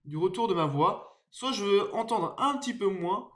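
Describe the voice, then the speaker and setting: A man's voice: high-pitched, lively intonation, moderate pace, fairly bright tone. A man giving a casual, explanatory microphone tutorial, hesitant and full of fillers, recorded on a USB desk microphone at home. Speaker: tech YouTuber reviewing a microphone. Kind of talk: casual screen-share tutorial. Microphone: USB desk microphone under test.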